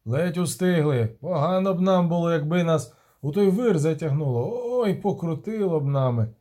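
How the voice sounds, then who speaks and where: A man voicing a steady male helmsman who speaks in a low, measured, confiding way, in an audiobook reading. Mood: wary. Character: steady older male helmsman, calm and wary.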